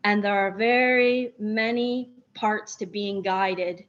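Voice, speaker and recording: Slow, earnest woman doctor, dull sound. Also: medium pitch, steady tone. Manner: earnest, grateful, inspirational. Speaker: guest, doctor. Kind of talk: conversational interview.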